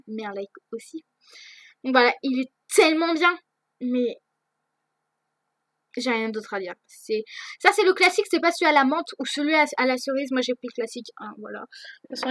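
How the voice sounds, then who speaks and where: A woman's voice: sits high, a bit bright, no room sound. A teenage girl answering viewer questions in a casual vlog, hesitant, with many fillers and restarts. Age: teens. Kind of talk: casual chat.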